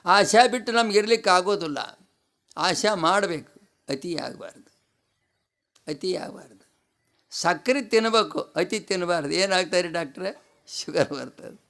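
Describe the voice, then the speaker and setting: This swami's voice is high-pitched and sharp. Giving a devotional pravachana with the Kannada accent of his native North Karnataka, India, he repeats key phrases and throws rhetorical questions at his listeners.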